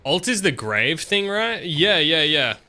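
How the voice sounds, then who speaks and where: A man's voice: fairly high pitch, big pitch swings, unhurried, pushed and bright. A man streaming a game with casual, offhand commentary, thinking aloud and swearing freely. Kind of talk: casual live gameplay commentary.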